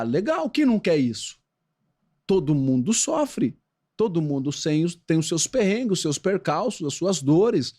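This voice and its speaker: A Brazilian man, a pastor who once played football, talking in a podcast interview with an animated preaching cadence. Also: a little high.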